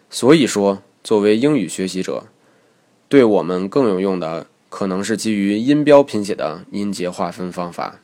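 A man narrating a scripted lesson as an English teacher, explaining calmly and reading example words aloud. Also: sits low.

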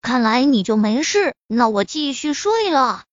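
A woman voicing a groggy young man from a storybook, mumbling and listless. The voice stays high for a man, with a dry, slightly muffled sound. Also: very animated, measured pace, no room sound. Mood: sleepy. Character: sleepy, grumpy young man.

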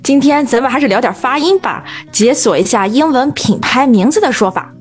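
A woman's voice: sits high, animated, fairly quick, breathy edge, soft background music. A woman co-hosting an English pronunciation podcast as the teacher, quizzing her partner in a confident, playful bilingual chat.

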